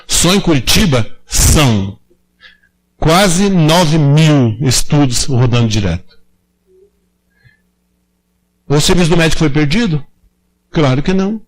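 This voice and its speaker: A man preaches at a church prayer service in a loose, storytelling way. His voice sits a little high and rises and falls a lot as he takes on the voices of the people in his stories. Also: takes it slowly, long pauses, poor audio. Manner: animated, acts out quoted voices, asks the congregation questions. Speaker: lay preacher. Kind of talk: informal sermon storytelling.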